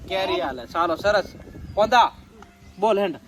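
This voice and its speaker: A woman's voice: medium pitch, expressive, moderate pace, slight background noise. Coaxing village woman quizzing kids. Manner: coaxing, patient questioning. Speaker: vlogger quizzing village children. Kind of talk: casual outdoor chat.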